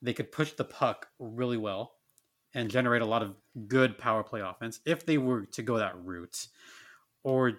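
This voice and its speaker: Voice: mid-range voice, normal speed. A podcast guest analyzing hockey in a casual chat.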